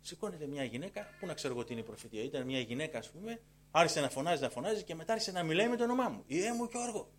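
A middle-aged man telling a personal conversion testimony in a lively way. He repeats phrases for emphasis and acts out the dialogue. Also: on the high side, slight background noise. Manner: acts out dialogue in changing tones. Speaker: church member giving a testimony.

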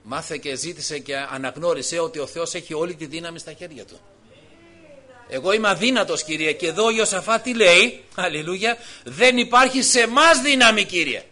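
High, bright-voiced impassioned male preacher. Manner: impassioned preaching, swinging between hushed and loud, frequent alleluias. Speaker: pastor. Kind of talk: sermon.

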